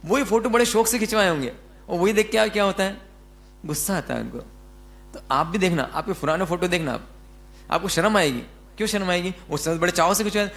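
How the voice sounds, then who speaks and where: Male spiritual teacher, high-pitched, chatty sermon style, acts out everyday quotes. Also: brisk, a bit bright. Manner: asks the audience questions and answers them himself. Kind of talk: Jain religious discourse.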